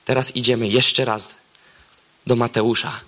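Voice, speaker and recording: A man preaching a sermon, reading scripture aloud and swinging between excited exclamations and hushed, low emphasis. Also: unhurried.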